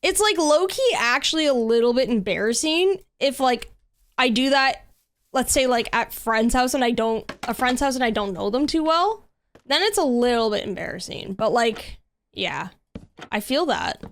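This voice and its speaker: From a room at home, a woman games on stream and rambles casually with her audience, peppering her talk with "like" and "literally." Her fairly high voice has lively intonation at normal speed, and there's slight hiss or hum.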